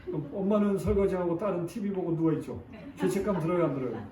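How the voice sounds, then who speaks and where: A man's voice: high voice, fast, crowd noise. A man preaching a sermon, often asking the congregation questions and acting out prayers in their voice. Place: church sanctuary. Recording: echoey church recorded from a distance.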